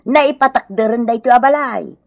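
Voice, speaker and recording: A woman acts the part of an aggrieved elderly mother-in-law in a radio comedy drama, sounding hurt, plaintive and reproachful, with an Ilocano accent. Her voice is a little high and creaky, at a moderate pace, with no echo.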